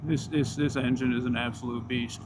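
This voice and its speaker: A motorcycle vlogger rides outdoors, offering slangy, enthusiastic but laid-back commentary over loud engine and riding noise. His mid-range voice moves at a moderate pace with fairly even intonation.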